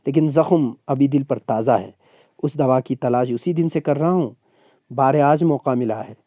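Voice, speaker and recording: A man voicing a defiant traveller with an old grudge, in a steady, challenging reading voice. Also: medium pitch, no room sound, natural voice.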